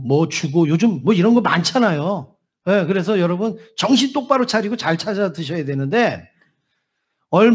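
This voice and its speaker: Casting note: male pastor with a fairly high voice, delivering a Sunday sermon full of rhetorical questions. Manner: emphatic repetition and rhetorical questions to the congregation.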